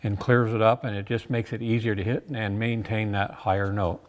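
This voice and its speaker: A man's voice: on the low side, little pitch movement, brisk. A plain-spoken, folksy man informally explaining and demonstrating game calls he makes. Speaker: game call maker demonstrating his products. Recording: reverberant room with long echo.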